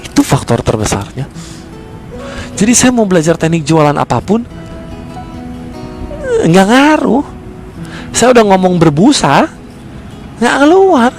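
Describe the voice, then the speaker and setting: A man's voice: high voice, very animated, measured pace, long pauses, faint music behind. A man speaking, giving a motivational sales-coaching talk. He is emphatic and keeps asking rhetorical questions and answering them himself.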